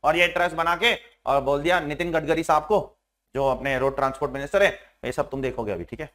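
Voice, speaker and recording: Young male tax lecturer with a high voice, animated, pushes students to respond, mixes in English terms. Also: fast talker. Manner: animated, keeps prodding students to answer. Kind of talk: classroom lecture. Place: classroom with online students joining.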